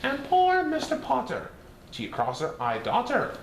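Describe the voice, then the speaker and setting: A man's voice: very high-pitched, wildly swooping pitch, unhurried, full character voice. A man voicing a playful, mischievous male cartoon cat, reading a rhyming storybook in a sing-song, bouncy way. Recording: roomy echo, faint hiss.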